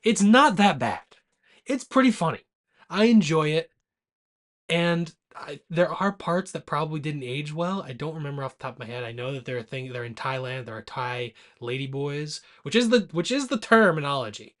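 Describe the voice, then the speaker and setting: This man co-hosts a movie podcast, casual, rowdy, and irreverent, and slightly tipsy after a couple of beers. His voice is a little high and a bit bright, expressive, with a moderate pace.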